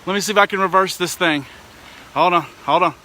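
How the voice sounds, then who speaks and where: A man with a Southern US accent giving a folksy, excitable, casual live storm report outdoors in wind and rain. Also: fairly quick. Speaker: amateur weather reporter. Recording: windy outdoor noise, clicks and rumble.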